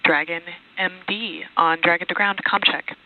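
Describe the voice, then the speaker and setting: A woman's voice: lowish voice, steady tone, moderate pace. A woman speaking as a mission director on astronaut radio, in formal procedural comm checks. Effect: radio transmission. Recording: phone-like narrow-band radio link.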